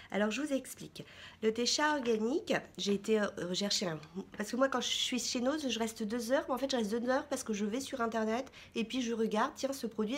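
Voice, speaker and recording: A woman vlogger chatting casually through a shopping haul, rambling with many fillers and restarts. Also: fairly high pitch. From France.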